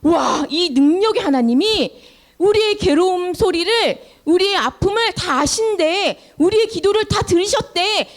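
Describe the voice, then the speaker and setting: A woman teaching children, telling a Bible story with lively questions to her young listeners. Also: very high voice. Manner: animated, asks children questions.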